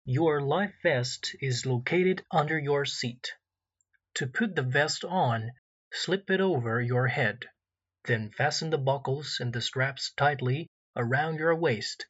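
A man delivers airline cabin announcements in a formal, measured, template-like way. His voice is bright and forceful. The recording sounds slightly dull and lo-fi. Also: mid-range voice, slightly rough. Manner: formal, measured template reading with gaps for details. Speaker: in-flight announcer.

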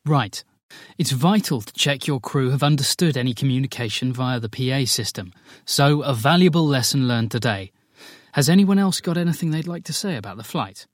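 A man playing a firm, businesslike senior flight attendant in a scripted lesson dialogue, articulating clearly. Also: medium pitch, animated, normal speed, dry recording, studio quality, natural voice. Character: male senior cabin crew leader, firm and businesslike.

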